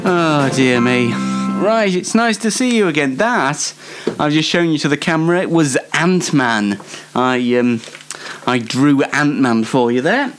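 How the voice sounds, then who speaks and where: A man whose voice sits on the high side speaks at a measured pace, with faint music in the background. He's hosting a solo show, rambling hesitantly through a casual comic monologue and turning the jokes on himself.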